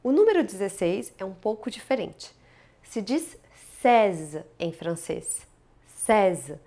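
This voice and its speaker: A woman with a Brazilian Portuguese accent teaching French numbers in an upbeat, playful online lesson, drilling each word slowly. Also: medium pitch, big pitch swings, mellow.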